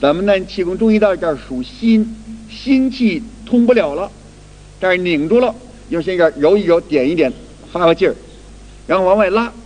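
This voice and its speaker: This qigong teacher's voice is high and darkish, expressive, and at a normal speed. Lecturing aloud, he plays out little daily scenarios and keeps repeating and restarting phrases, all under long hall reverb.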